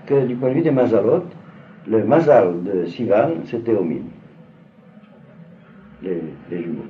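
A man teaching a Talmud seminar to a class, hesitant, with many fillers and repeated words. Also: medium pitch. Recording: phone-like lo-fi recording with faint noise.

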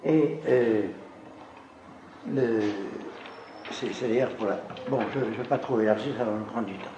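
A male Torah teacher in a roomy, echoing space, with steady noise running behind his voice. He reads Hebrew verses aloud and then explains them in a relaxed, conversational way, teasing his class as he goes. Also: medium pitch, unhurried. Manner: teasing, conversational, jokes with listeners. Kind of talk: lecture to a live class. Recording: echoey room with background noise.

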